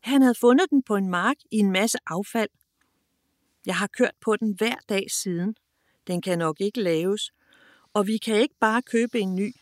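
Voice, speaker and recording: A woman voicing a gentle, modest eleven-year-old boy in a children's audiobook, speaking softly. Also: mid-range voice, no room sound, clean studio sound, lightly acted. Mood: calm.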